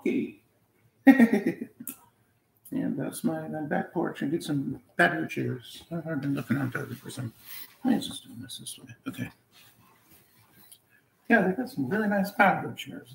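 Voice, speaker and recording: A woman's voice: low voice, gravelly, a little hiss or hum. A woman talking casually in a rambling home vlog, chuckling often as she lies down at home. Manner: chuckles often, loose and meandering. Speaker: vlogger and karaoke singer. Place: at home, lying down. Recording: roomy home recording with faint ambience.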